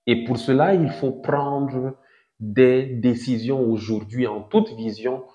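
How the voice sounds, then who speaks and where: A man in his thirties giving a didactic talk as host of a crypto channel, deliberate, with emphatic rises on key points. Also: medium pitch, fairly even intonation, warm tone. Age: 30s. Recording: echoey room, dull lo-fi sound.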